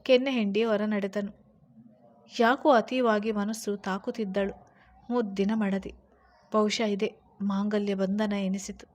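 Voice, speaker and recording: A woman reading a serialized family story aloud as a storyteller, steady and expressive. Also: medium pitch, measured pace, pauses often. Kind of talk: scripted narration of a serialized story.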